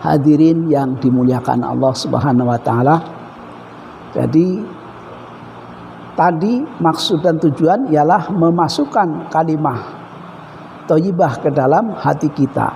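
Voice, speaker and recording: A man's voice: a little high, gravelly, warm tone, a little hiss or hum. Man preaching in an echoey hall. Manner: measured preaching with Arabic recitation. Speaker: Islamic preacher. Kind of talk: religious lecture. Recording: dull reverberant hall recording.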